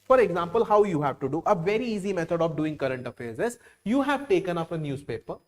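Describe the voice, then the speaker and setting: A man's voice: on the high side, very animated, fast. A man from Kerala with a Keralite Indian English accent giving a classroom lecture as an exam coaching teacher, repeating phrases with many "uh" and "like" fillers.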